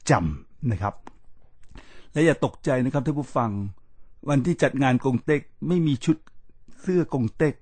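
A man's voice: medium pitch, a little mellow, no room sound. A man hosting a podcast, telling a reflective story in an earnest, emphatic way and speaking straight to his listeners. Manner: earnest, emphatic storyteller who often addresses the listeners directly. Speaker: podcast host.

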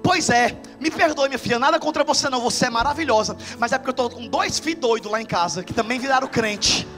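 A woman's voice: high-pitched, fast talker, a bit bright. A male preacher voicing his theatrical middle-aged mother, who pleads dramatically and tearfully. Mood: sheepish. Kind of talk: acted quotes in a sermon. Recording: reverberant hall with faint music.

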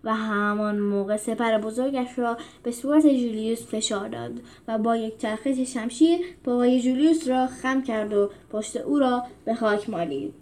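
Woman, storyteller, storybook reading, steady narration, fairly high voice. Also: few pauses. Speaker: storyteller and host.

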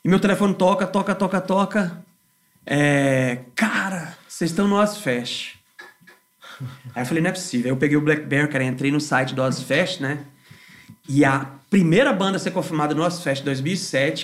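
Male musician guest, high-pitched, lively and slangy as he tells stories. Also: moderate pace. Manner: animated, slangy, swears freely. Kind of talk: casual podcast storytelling.

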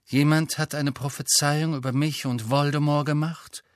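A man's voice: fairly high pitch, fairly even intonation, moderate pace, dry recording, studio quality, lightly acted. A man voicing a defiant teenage boy wizard with tense, probing questions in an audiobook reading.

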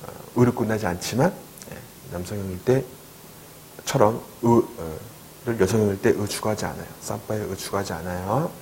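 A man's voice: lowish voice, brisk, creaky, a little mellow, slight background noise, poor audio. A man teaching French in a video lecture, patiently repeating each word for learners.

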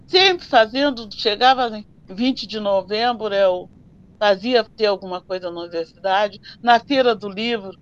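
An older woman, recalling her working life in an oral history interview and telling her stories in an animated way. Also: medium pitch, a little slow. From southern Brazil. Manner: animated storyteller who acts out dialogues. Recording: slightly dull, dry recording.

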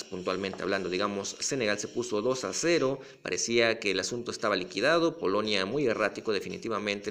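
A man with a hoarse, raspy voice hosting a football recap, talking in a colloquial way as if to pals. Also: fairly low pitch, fairly bright tone. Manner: colloquial, addresses fans as pals. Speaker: football commentator, host. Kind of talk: football match recap commentary.

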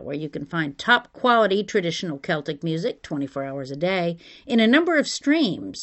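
A woman podcast host telling her own story in a scripted but conversational narration. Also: fairly low pitch. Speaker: podcast host, former television reporter. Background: music bed.

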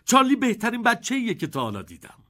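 A man's voice: very high voice, huge pitch swings, bright, forceful tone, pitched above the performer's own voice, heavily acted. A man voicing an eccentric, kindly old chocolate maker in an audiobook, with a theatrical, chuckling delivery.

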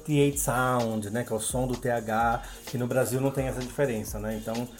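A man's voice: medium pitch, fairly even intonation, fairly quick. Chatty Brazilian man explaining patiently. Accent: Brazilian Portuguese. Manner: chatty, explains patiently, leans on tag questions. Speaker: English teacher, interview guest. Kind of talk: casual podcast interview.

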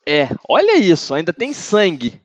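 A man's voice: sits high, wildly swooping pitch, a little slow, no room sound. A man with a Brazilian Portuguese accent chatting casually and in slang on a football podcast, recorded with dull, lo-fi sound. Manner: slangy, conversational. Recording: dull, lo-fi microphone audio.

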